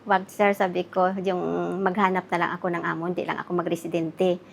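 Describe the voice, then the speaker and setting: Soft-spoken woman in her fifties from the Philippines, giving a respectful personal testimony to a pastor. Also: on the low side, little pitch movement, brisk, creaky, a little hiss or hum. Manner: soft-spoken, respectfully addresses the pastor, acts out quoted dialogue. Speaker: guest sharing her testimony. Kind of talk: interview testimony.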